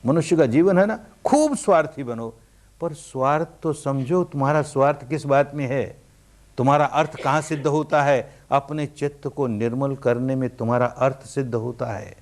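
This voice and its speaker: A man giving a spoken meditation discourse in an earnest preaching manner, with rhetorical questions and swings between loud emphasis and quiet softness. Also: mid-range voice, normal speed. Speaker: meditation teacher. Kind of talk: dharma discourse.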